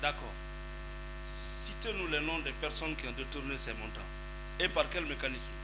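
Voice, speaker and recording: Persistent bright-voiced male lawyer. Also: fairly high pitch, lively intonation, normal speed, rough recording. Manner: persistent, repeats pointed questions. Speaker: lawyer cross-examining. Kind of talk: cross-examination. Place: courtroom.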